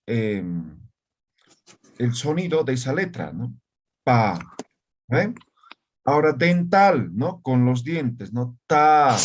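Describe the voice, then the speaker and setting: A man teaching an online language lesson, explaining patiently and often checking in with his students, sometimes repeating syllables to demonstrate sounds. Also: mid-range voice.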